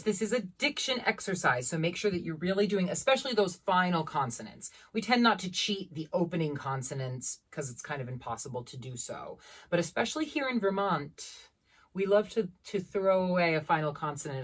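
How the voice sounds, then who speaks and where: A woman voice teacher leading a singing warm-up, demonstrating each exercise by singing and then explaining it plainly. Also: on the low side, lively intonation, a little fast, recorded from a distance. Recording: loud piano under the voice. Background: piano accompaniment.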